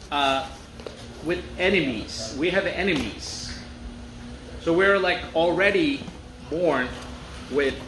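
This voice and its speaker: A man's voice: a little high, a bit bright. A man from Turkey preaching in a conversational, storytelling way, asking rhetorical questions. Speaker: pastor. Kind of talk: sermon. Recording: echoey room with faint noise.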